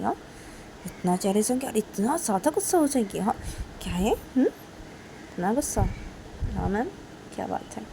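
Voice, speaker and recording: A woman's voice: medium pitch, background noise, lightly acted. A woman voicing a young female student who pleads and cries, repeating her questions in a whiny way, while telling a story. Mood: coaxing. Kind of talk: storytelling role-play.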